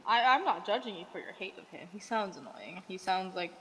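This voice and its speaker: A woman's voice: mid-range voice, expressive, brisk, sharp tone, slight background noise. Blunt, teasing woman with reverb. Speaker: roleplay server player. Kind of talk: in-character roleplay chat. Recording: long reverb.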